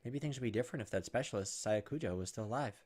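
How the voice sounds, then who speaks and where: Racing along in an animated, slightly mellow medium-pitched voice, a man hosts a gaming video where he reads on-screen text and throws in flippant commentary. Game music plays in the background, with a little noise present.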